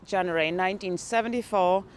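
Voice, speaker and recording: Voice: mid-range voice, a little fast. A speaker in their fifties from Angola, emphatic and speaking in short phrases in a documentary interview. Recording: light background noise.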